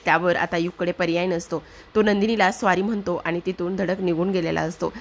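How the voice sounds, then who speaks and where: A woman's voice: on the low side, steady tone, a little fast. A woman narrating a recap of a TV serial episode in a plain retelling style, linking each turn with short phrases.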